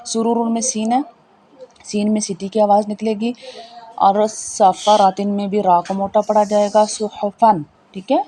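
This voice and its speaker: A woman teacher walks through Quran letters one by one, in a mellow, darkish voice. She is patient and repeats each rule, explaining where in the throat or mouth each sound is made. A faint hum of noise sits behind her. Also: medium pitch, little pitch movement. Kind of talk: Tajweed lesson, spelling out letters and explaining pronunciation.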